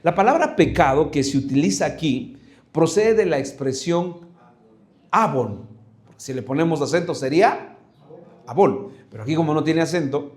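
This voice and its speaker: A pastor, his voice sitting a little high for a man. He preaches in an earnest, searching way, often breaking off and restarting. He leans on rhetorical questions to press his point. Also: animated, normal speed. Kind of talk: sermon.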